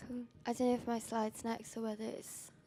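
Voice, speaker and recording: A Welsh woman in her twenties, a native Welsh speaker, presents the magazine she founded at a panel talk, rambling casually with lots of ums and self-corrections. Her voice is on the high side and dark in tone, delivered completely flat at normal speed.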